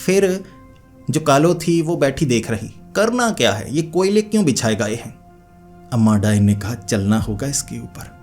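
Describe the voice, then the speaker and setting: A man's voice: fairly high pitch, big pitch swings, normal speed, darkish tone, soft background music. A man narrating a horror story in a chatty, conversational way.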